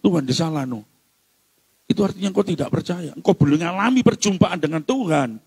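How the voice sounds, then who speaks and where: A man preaching a sermon, swinging between hushed tones and shouts and breaking into sung phrases. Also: a little high, animated, brisk, breathy edge, no echo. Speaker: pastor.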